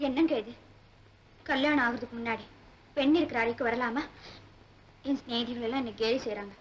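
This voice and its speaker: A woman's voice: a little high, fairly quick, muffled recording, a little hiss or hum, natural voice. An actress playing a young bride-to-be who tearfully pleads with her fiancé, in 1960s Tamil film acting. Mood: pleading.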